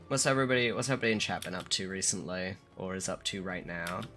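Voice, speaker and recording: A hungover man streaming a game, chatting casually and haltingly with some swearing, his voice a little rough. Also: sits low, bright, forceful tone, soft background music. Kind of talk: casual livestream chat.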